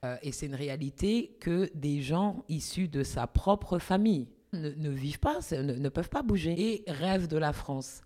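A man with a slightly raised voice speaks thoughtfully, pausing and restarting as he works out what he means. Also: a little high, lively intonation, warm tone. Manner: reflective, searching for words. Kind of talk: personal testimony.

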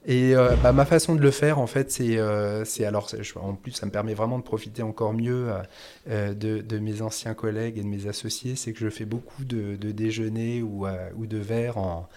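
Hesitant low-voiced man, podcast guest. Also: steady tone, normal speed, darkish tone. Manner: hesitant, many fillers and restarts. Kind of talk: casual interview talk.

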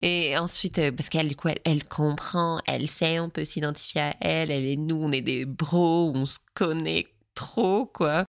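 A woman's voice: sits low, steady tone, fairly quick, hardly any pauses, no room sound, studio quality. A woman hosting a podcast, sarcastic and a little tired, commenting casually and reading aloud while translating. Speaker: podcast host.

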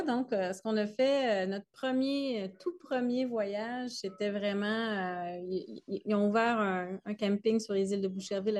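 A woman's voice: medium pitch, darkish tone. A woman, a guest telling her story hesitantly with many fillers. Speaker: guest, teacher. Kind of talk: casual interview chat.

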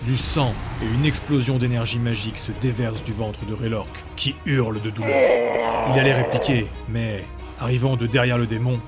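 A man narrating a fantasy story in a measured, dramatic way. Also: mid-range voice. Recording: background music.

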